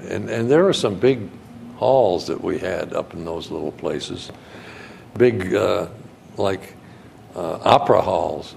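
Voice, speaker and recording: An older man from New England giving a sermon in a conversational, folksy storytelling way with soft chuckles. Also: sits low, gravelly, a little hiss or hum. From Connecticut, New England. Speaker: guest preacher.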